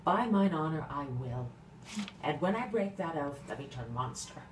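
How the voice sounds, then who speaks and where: A woman's voice: deep voice, lively intonation, normal speed. A woman acting in a classical stage comedy as a spirited, playful, mocking young noblewoman, recorded in a theatre. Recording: roomy, distant, faintly noisy stage recording.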